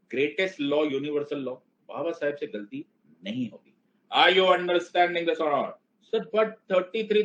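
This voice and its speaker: Playful teacher, slightly lo-fi sound. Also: male voice, on the high side. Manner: playful, mixes Hindi and English, keeps checking understanding. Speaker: online civics teacher. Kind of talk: live class lecture.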